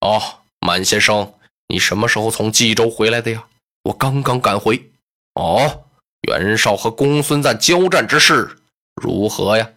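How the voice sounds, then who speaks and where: A storyteller voicing a smug, powerful male warlord chancellor in traditional storytelling, with a deep, drawn-out, stately delivery. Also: lively intonation, fairly bright tone. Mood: calm, probing. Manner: slow, measured, grandly courteous.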